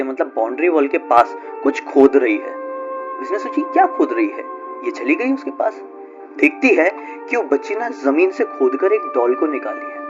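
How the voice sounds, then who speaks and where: A man's voice: on the high side, dull audio. A man telling a horror story in a casual, chatty way, full of fillers. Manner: chatty, conversational, with frequent fillers.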